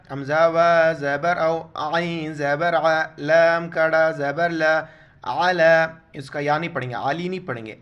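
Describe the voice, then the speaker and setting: Man, Quran recitation teacher, spelling letters word by word, slow drawn-out recitation, smooth clear voice. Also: on the high side, a bit bright, muffled recording. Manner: spells out letters and vowel marks, then slowly draws out each recited word.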